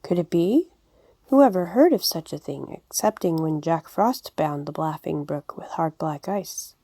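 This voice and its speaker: A woman reads a children's storybook aloud, gentle and expressive. Her voice is warm and mellow and sits a bit low, and the recording is dry and close. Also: a little slow, no echo. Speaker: audiobook reader. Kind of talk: storybook reading.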